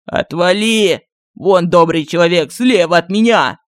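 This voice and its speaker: Irritable male vampire townsfolk, played by a woman who snap and shoo away an unwanted guest. The voice is smooth and clear, in a close, dry recording. It suits a comic fantasy audiobook. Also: lowish voice, measured pace, no echo, lightly acted. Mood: hostile. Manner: brusque, shouting people away. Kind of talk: audiobook character voicing.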